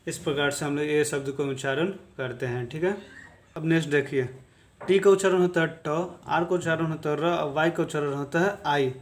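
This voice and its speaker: A man's voice: fairly high pitch, steady tone, a little fast. A man teaching English reading, spelling out letter sounds and repeating each word patiently. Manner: repetitive, patient drilling. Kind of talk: phonics lesson.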